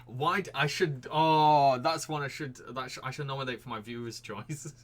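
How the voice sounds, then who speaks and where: At a medium pitch and moderate pace, a British man hosts a live stream quiz, chatting and giggling while he responds to his chat. His accent mixes Yorkshire with posh Received Pronunciation.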